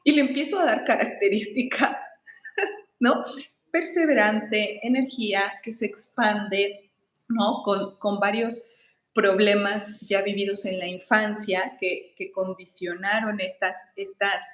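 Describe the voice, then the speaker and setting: A woman, a spiritual coach, telling a story in a chatty way, laughing often and acting out the dialogue. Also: mid-range voice. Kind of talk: casual storytelling monologue. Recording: echoey room.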